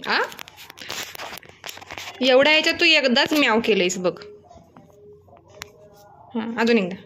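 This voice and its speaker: A woman's voice: fairly high pitch, lively intonation, takes it slowly, sharp tone, slight background noise. A woman talking affectionately to her pet cat at home, teasing and coaxing it. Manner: teasing, coaxing, laughs often. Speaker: pet vlogger.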